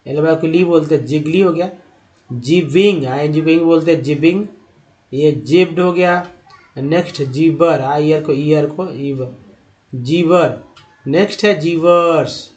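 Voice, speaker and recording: A man teaching English reading in a patient lesson, repeating each word slowly and sounding it out. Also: fairly high pitch, darkish tone. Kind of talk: Hindi-language phonics lesson.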